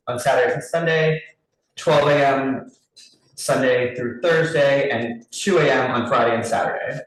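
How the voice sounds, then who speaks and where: A man runs a committee meeting heard through a group video call, speaking at an ordinary middle pitch in a businesslike, list-reading way. His voice comes from a distance in a very echoey room, with faint noise underneath. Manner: brisk, businesslike, reads lists with small restarts. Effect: heard over a group video call. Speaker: committee chair at a public meeting. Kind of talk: reading out license terms and running a vote. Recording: very roomy echo from a distant mic, faint noise.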